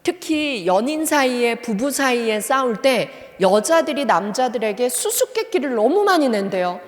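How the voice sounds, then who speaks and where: A woman's voice: a little high, sing-song, normal speed. A woman psychology professor giving a church seminar lecture. She asks her audience questions and acts out the lines she quotes. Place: church hall. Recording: long-reverb church hall.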